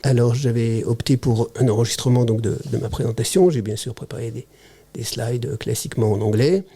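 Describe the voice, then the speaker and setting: A man with a soft, mellow, mid-range voice appears as a guest on an interview podcast, a teacher-researcher in casual conversation. He speaks hesitantly and haltingly, pausing on fillers and restarting phrases as he searches for words.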